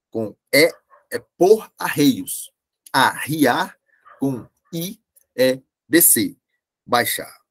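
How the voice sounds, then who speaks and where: A man teaches a grammar lesson over a video call. His voice is lively and swings widely in pitch. He slows down and repeats key words so his students can follow. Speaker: Portuguese language teacher. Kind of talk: online class lecture.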